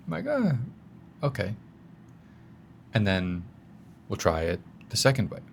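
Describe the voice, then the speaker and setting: Low-voiced man coaching casually. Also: huge pitch swings, measured pace, gravelly, slight background noise. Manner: conversational, guides listener through exercises, occasional swearing. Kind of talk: casual spoken self-help talk.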